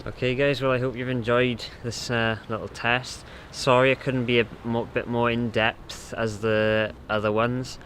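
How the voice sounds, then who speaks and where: A man's voice: medium pitch, little pitch movement, a little slow, few pauses, fairly bright tone. A young man giving a casual, rambling, hesitant microphone test outdoors, with wind on the mic. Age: young adult. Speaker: audio gear reviewer. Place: outdoors in a windy garden. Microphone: shotgun mic or handheld recorder on a stand.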